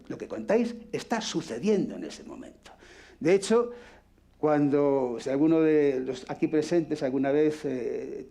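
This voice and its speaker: A man's voice: on the high side, warm tone. A man with a Peninsular Spanish accent teaching a radio acting workshop, blunt and foul-mouthed, demonstrating as he talks. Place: workshop room with microphone.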